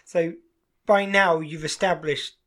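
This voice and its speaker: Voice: mid-range voice, steady tone, takes it slowly, fairly bright tone. A podcast co-host in casual chat, talking eagerly about a TV show with frequent restarts. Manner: chatty, enthusiastic, many restarts.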